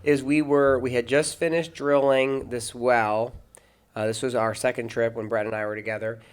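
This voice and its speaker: A man's voice: medium pitch, level tone, normal speed, smooth. A man, an American pastor and podcast host, telling long anecdotes in casual chat, with many restarts and bursts of laughter.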